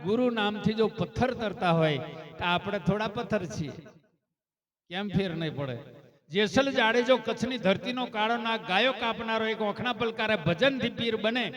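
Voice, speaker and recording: A man's voice: sits high, moderate pace, fairly bright tone. A man preaching a devotional sermon, telling a religious story and calling out praise cries to his listeners. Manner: calls out chanted praise cries between story passages; asks the listeners rhetorical questions.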